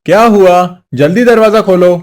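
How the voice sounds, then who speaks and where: A man's voice: high-pitched, moderate pace, darkish tone, natural voice. A man voicing a grown son and husband in a storybook tale who is devoted to his mother and speaks firmly. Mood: stern. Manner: firm and demanding.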